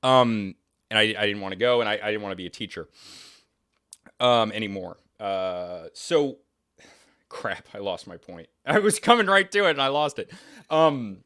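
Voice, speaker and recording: A young man from New England talks in loose podcast conversation with a bright, forceful tone. His pitch sits a little low for a man. He rambles, restarts his sentences and fills pauses with ums, sounding opinionated throughout. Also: animated, clean tone. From New England, United States. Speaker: podcast guest. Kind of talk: casual conversational discussion.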